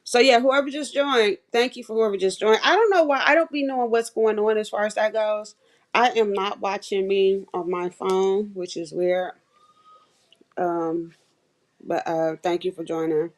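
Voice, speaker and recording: A woman's voice: medium pitch, fairly even intonation, normal speed. A woman hosting a casual, rambling live chat in informal, colloquial speech, talking around a tongue piercing as she chews gum. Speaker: livestream host.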